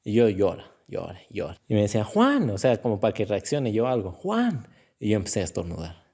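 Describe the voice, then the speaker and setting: A man's voice: on the low side, quick pace, creaky. A young man, telling stories in a casual interview, laughing often and acting out other people's voices. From Ecuador. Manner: animated storyteller who acts out voices and laughs often. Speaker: interview guest.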